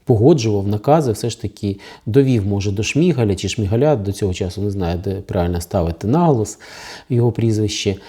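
This is direct-to-camera legal commentary from a man with a Ukrainian accent who runs his own legal channel. He has a fairly low, mellow voice and picks apart new rules sarcastically and critically, leaning on lots of fillers.

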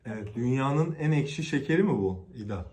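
A man's voice: mid-range voice, lively intonation, fairly quick, darkish tone. A man chatting casually in a home taste-test vlog, asking lots of short questions. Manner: asks many short questions. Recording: faint background noise.

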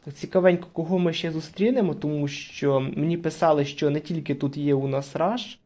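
A man's voice: fairly high pitch, fairly even intonation, fairly quick, a little mellow. A young man casually commenting as he plays a horror game, narrating each move and getting jittery when he hides. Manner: chatty, narrates each move, nervous bursts when hiding. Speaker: gaming channel host. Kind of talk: casual Let's Play commentary.

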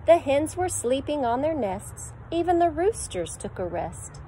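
A high-pitched, warm, unhurried sing-song voice belongs to a middle-aged preschool teacher reading a picture book to kids, occasionally making animal sounds. The clip was shot on a phone camera at arm's length on an outdoor deck in a backyard. A little hiss or hum is audible.

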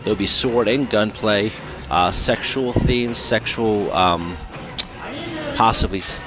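A man giving casual gameplay commentary and channel updates as a streamer, in a loose, halting, informal way. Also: lowish voice, over music. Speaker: game streamer and video creator. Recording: clearly noisy game audio behind voice. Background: video game ambience and noise.

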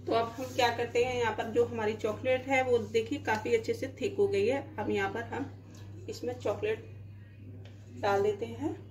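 A woman's voice: a little high, fairly even intonation, moderate pace, darkish tone, a little hiss or hum. A woman hosting a home cooking demonstration, explaining each step plainly as she works in her kitchen. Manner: explains plainly while cooking, with frequent "dekhiye". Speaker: cooking channel host.

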